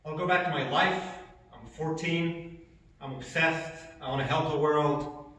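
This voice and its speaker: A man's voice: on the high side, a little slow, sharp tone. A man, giving an earnest personal testimony with emphatic repetitions. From Egypt. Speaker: speaker. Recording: echoey hall from far off.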